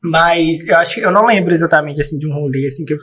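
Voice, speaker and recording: A man, a podcast guest telling stories in animated, laughing casual chat. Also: fairly high pitch, rapid-fire. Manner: animated storytelling, laughs often. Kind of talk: casual chat among friends. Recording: noisy recording with clicks.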